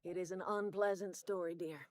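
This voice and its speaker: An actress plays a grandmotherly older woman, a proud herbalist leading outcasts in a video game. Her voice is slightly low. She speaks with measured dignity and folksy turns of phrase. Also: fairly even intonation, no room sound, close to an everyday voice. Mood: solemn, proud.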